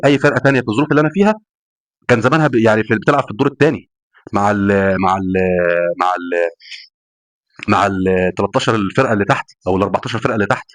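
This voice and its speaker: A man's voice: lowish voice, fairly bright tone, no echo. A man with an Egyptian accent giving a passionate post-match rant as a football fan, repeating phrases for emphasis and swearing oaths. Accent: Egyptian Arabic.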